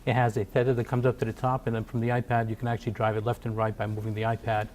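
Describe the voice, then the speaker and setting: Middle-aged man from Portugal, quick halting speech full of fillers, TV interview, faint background noise. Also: lowish voice, completely flat delivery, a little mellow. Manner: halting, many fillers and restarts. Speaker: company founder and CEO. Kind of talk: TV business interview. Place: TV studio.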